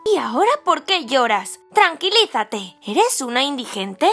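A woman's voice: high voice, very animated, measured pace, fairly bright tone, faint music behind, full character voice. A woman voicing an impatient, bossy young doll girl who scolds, in toy doll play-acting. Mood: exasperated. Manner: scolding, exasperated.

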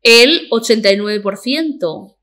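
A woman guest on a chat podcast, telling stories in a blunt, sarcastic, rapid-fire way. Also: on the high side, expressive, a bit bright. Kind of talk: casual chat.

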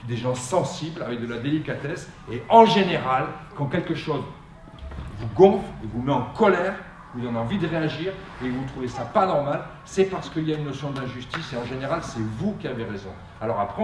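A man's voice: a little high, slight background noise. A man leading a theatre workshop for pupils, talking earnestly and searching for words, with many fillers. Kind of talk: coaching pupils in a drama exercise. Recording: roomy sound from a distant mic.

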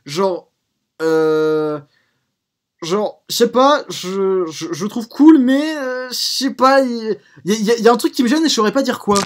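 A man's voice: sits high, lively intonation, a little slow. A man hosting a live stream, chatting casually and drifting into digressions. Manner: rambling, prone to digressions. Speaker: streamer host.

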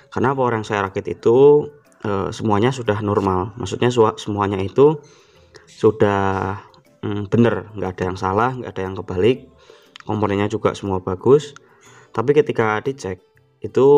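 A man hosting his own electronics channel, talking casually and loosely, with lots of fillers and throat clearing. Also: lowish voice. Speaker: electronics hobbyist channel host. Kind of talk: casual how-to talk to camera.

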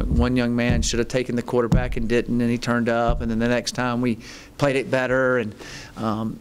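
A middle-aged man, a head football coach, answering reporters at a postgame press conference, halting, with many ums and restarts. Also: medium pitch, clean tone. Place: press conference room, seated at table. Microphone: table mic in front.

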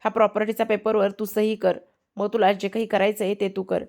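Woman reading domineering middle-aged matriarch, commanding, scolding, gravelly voice. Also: medium pitch, little pitch movement, fairly quick, a little mellow, natural voice. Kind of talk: serial recap, quoted dialogue.

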